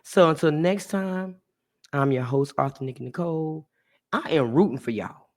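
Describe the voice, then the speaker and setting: A woman hosting a podcast, chatting warmly and casually with a guest and her listeners, laughing often. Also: low-pitched, moderate pace. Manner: animated, laughs often, talks to listeners as y'all. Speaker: podcast host. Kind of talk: casual heartfelt chat.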